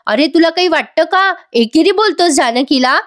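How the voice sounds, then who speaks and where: A woman's voice: high-pitched, animated, normal speed, dry recording, clean studio sound, voice pushed up. Woman voicing an angry scolding mother. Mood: furious. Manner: scolding, indignant. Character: stern angry middle-aged mother scolding her son.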